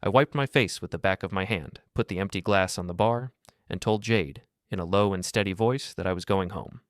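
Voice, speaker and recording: A man telling a first-person story as scripted narration, in a calm, measured and even way. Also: low voice, no room sound, studio quality.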